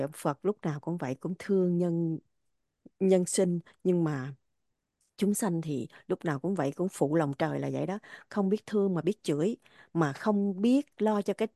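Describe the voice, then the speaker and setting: A woman leads a spiritual talk, unpacking religious poems line by line. She is earnest and repeats phrases to drive her points home. Her voice sits low and mellow, recorded close in a dry space. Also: no room sound. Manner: earnest, repetitive, stressing words. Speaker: religious teacher explaining poems.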